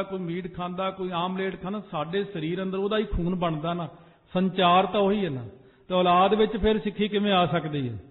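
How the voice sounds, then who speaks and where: A man preaching a Sikh sermon to a congregation, slipping into sung phrases and rising to urgent emphasis. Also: sits high. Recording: echoey hall over a tinny phone-like line.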